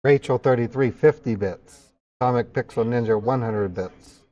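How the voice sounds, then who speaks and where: Man, livestream host, subathon hype, donation shout-outs, casual thanks, mid-pitched, dull lo-fi stream sound. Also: normal speed.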